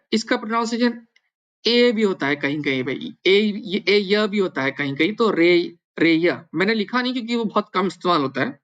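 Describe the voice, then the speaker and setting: A man's voice: high-pitched, fairly bright tone. A man teaching a language lesson, explaining patiently and sounding out syllables one by one. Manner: patient, repeats syllables slowly for practice.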